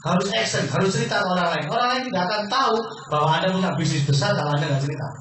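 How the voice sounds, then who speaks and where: A man giving a persuasive sales seminar pitch, constantly addressing the audience as sir and quizzing them. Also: racing, fairly bright tone, slight background noise. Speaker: business opportunity presenter. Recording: very echoey hall from far off.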